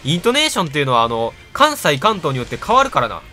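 A man with a Kansai accent chats his way through a video game, his voice bright and forceful and swinging freely up and down in pitch. He mocks himself and bursts into loud reactions, while faint game music plays behind him. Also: wildly swooping pitch, fast. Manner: chatty, self-mocking, reacts loudly to the game. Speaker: gameplay commentator. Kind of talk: casual let's-play commentary.

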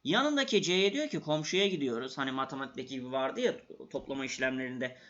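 A man's voice: mid-range voice, fast, fairly bright tone, lo-fi sound. A male teacher giving an exam-prep grammar lesson. He asks questions and answers them himself, and he repeats the key points.

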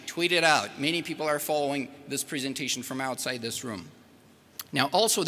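In a big hotel ballroom full of listeners, a middle-aged Moldovan man speaks into a podium mic, his slightly high voice carrying a Russian accent from his native Russian. His conference talk is lively and full of jokes, swelling loudly on rhetorical questions. Filmed from a distant camera, the recording has long, echoing reverb and a little background noise.

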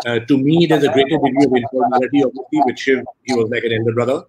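A man's voice: medium pitch, fairly even intonation, quick pace, a little mellow, slightly rough, low-quality recording. A man interviewing a guest on a video call, steering with hesitant questions full of fillers. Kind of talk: casual conversation on a video call. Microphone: video call webcam.

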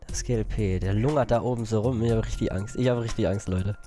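A young man giving nervous, excitable Let's Play commentary, breaking into panicked yelps. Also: lowish voice, fast talker, soft background music. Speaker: gaming YouTuber.

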